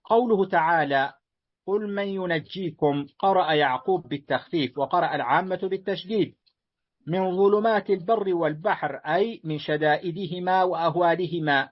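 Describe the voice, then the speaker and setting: A man reading a classical text aloud to his teacher in a lesson, measured and deferential, slowing on the verses. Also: high voice. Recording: dull lo-fi recording.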